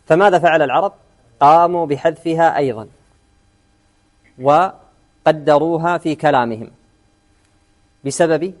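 Man, grammar teacher, slightly high voice, quizzes students, repeats key words. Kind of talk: classroom lesson.

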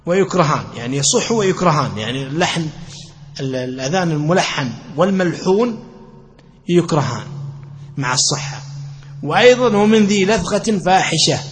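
A religious teacher of Islamic law gives an explanatory lecture on a classical legal text. His voice is fairly high with lively intonation and a fairly quick pace, and he repeats phrases for emphasis as he teaches.

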